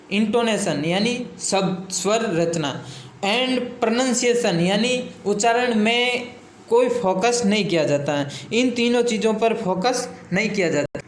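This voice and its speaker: A man's voice: sits high, a little hiss or hum. A man teaching an exam-prep lesson, explaining by repeating points and glossing English terms in Hindi. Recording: echoey room, faint ambience.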